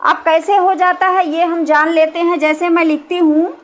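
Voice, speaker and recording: A woman with a high, light voice teaches a grammar lesson. She talks patiently, repeats her points and keeps checking that her listeners follow. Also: little pitch movement, normal speed. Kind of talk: explaining a Hindi grammar lesson.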